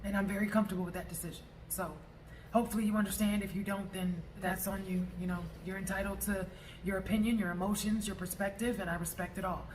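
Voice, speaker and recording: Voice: medium pitch, a little hiss or hum, rough recording. A vlogger talking in a personal monologue, blunt, emphatic and assertive, with casual wording and some swearing. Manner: casual speech with profanity. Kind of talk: personal vlog monologue addressed to a former friend.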